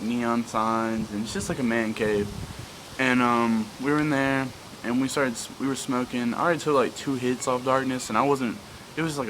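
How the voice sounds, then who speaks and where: A man's voice: medium pitch, a bit bright, slight background noise, poor audio. A young man telling a story in a casual, rambling way, filling his speech with "like.". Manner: rambling, heavy use of "like".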